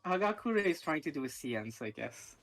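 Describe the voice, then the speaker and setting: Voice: mid-range voice, big pitch swings, moderate pace, fairly bright tone, soft background music. A co-player making wry, dry asides while a game is being played. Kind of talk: casual game commentary.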